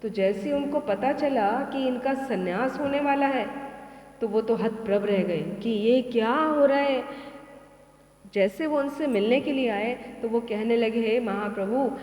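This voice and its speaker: A woman's voice: on the high side, measured pace, darkish tone. A woman teacher telling devotional stories, who asks rhetorical questions and then answers them. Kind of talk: devotional storytelling discourse. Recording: echoey hall with long reverb.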